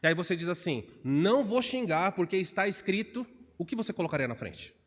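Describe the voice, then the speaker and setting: A man with a Brazilian Portuguese accent preaches from the pulpit in a fairly high voice. He is animated and slips into different voices to act out quotes. A long church-hall reverb trails after every phrase. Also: fairly quick. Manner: animated, acts out quotes with shifts of voice. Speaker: pastor. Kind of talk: expository sermon. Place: church sanctuary.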